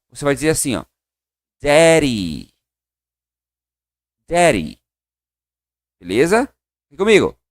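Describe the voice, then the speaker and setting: A Brazilian man teaching English online, upbeat and encouraging, drilling slow repetitions of words. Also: a little high, no room sound, clean studio sound. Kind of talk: online English lesson for Portuguese speakers.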